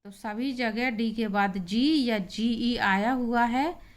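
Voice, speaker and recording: A woman teaching English pronunciation, patiently spelling out example words and repeating each one slowly. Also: fairly high pitch. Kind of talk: slow spoken pronunciation lesson.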